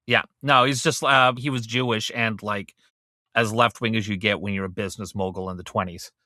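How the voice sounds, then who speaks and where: Low, bright-toned joking podcast man. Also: steady tone, brisk, dry recording, clean studio sound. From Canada. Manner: chatty and joking, many fillers and restarts. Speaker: podcast co-host. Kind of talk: casual chat.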